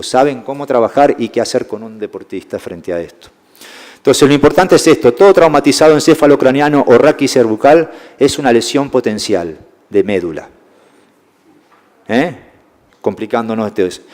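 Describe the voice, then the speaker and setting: A man's voice: mid-range voice, darkish tone. Argentine man lecturing in a reverberant hall. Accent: Rioplatense Spanish. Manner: explanatory, keeps checking in with "¿eh?" and "fíjense". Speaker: sports medicine lecturer. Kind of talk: classroom lecture to young referees.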